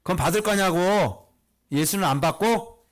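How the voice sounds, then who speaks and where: A man preaching a conversational sermon as pastor, teasing the congregation with quick rhetorical questions. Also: high voice.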